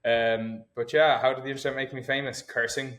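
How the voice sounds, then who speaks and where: A man's voice: medium pitch, flat delivery, fairly quick, fairly bright tone. A man, a fitness coach chatting as a podcast guest, self-mocking, rambling, laughing often. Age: 20s. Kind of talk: casual chat. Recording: roomy echoey room.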